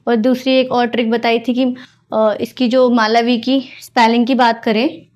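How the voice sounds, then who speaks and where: A woman with a fairly high voice teaches an online exam-prep class. She moves between Hindi and English and explains step by step, repeating key points so students remember them. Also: level tone, normal speed, darkish tone, lo-fi sound. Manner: mixes Hindi and English, explains patiently with memory tricks.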